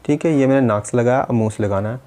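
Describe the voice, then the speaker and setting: A man's voice: mid-range voice, fast, warm tone. A man teaching a speech-therapy lesson, patiently demonstrating and repeating sounds step by step.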